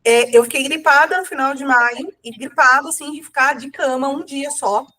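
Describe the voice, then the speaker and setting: A woman with a cold speaks casually as an interview guest in a high, pushed, bright voice at normal speed. She rambles, using many fillers and correcting herself.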